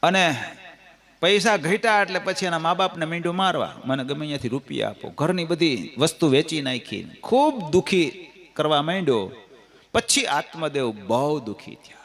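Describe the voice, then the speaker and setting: A man with a Gujarati accent giving a devotional scripture discourse, telling stories and folk anecdotes in a lively, sing-song way. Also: a little high, normal speed. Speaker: katha storyteller.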